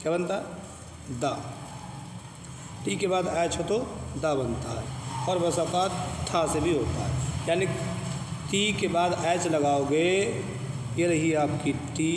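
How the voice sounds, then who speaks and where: A man with a Pakistani Urdu accent teaching an English pronunciation lesson, speaking patiently, repeating words and asking questions. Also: fairly high pitch. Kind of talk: classroom lesson explaining pronunciation rules. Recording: echoey room with long reverb, faint ambient noise.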